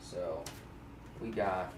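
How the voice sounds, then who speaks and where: A finance educator in a deep, steady voice walks viewers through startup costs extremely slowly, keeping it playful and chatty and checking in constantly with "right?". His studio desk mic picks up a little hiss or hum.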